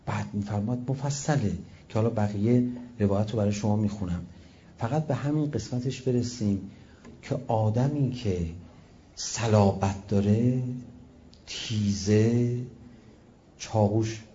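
A man preaching a sermon, telling stories and shifting between loud exclamations and quiet asides. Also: on the low side, pauses often, muffled recording, slight background noise. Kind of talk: religious sermon with storytelling.

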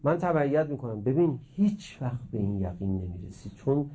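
A middle-aged man preaching a religious sermon, emphatic and impassioned, mixing teaching with stories and swinging between loud and hushed. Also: medium pitch, very animated.

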